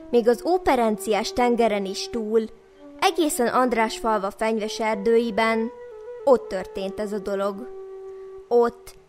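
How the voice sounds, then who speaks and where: A woman telling a folk tale in a lilting, rhythmic way. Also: on the high side. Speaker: storyteller.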